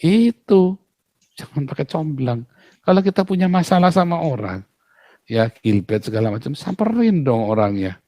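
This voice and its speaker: A man's voice: fairly high pitch, sing-song, moderate pace, warm tone, no room sound, studio quality. A man, a pastor, talking in an outspoken casual way, emphatic and full of rhetorical questions.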